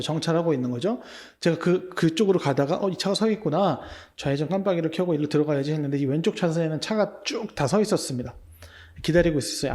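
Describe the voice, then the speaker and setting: Man, pastor, midweek prayer sermon, slightly high voice, conversational storytelling, rhetorical questions. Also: a little mellow. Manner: anecdotal storytelling, acting out his own remembered thoughts.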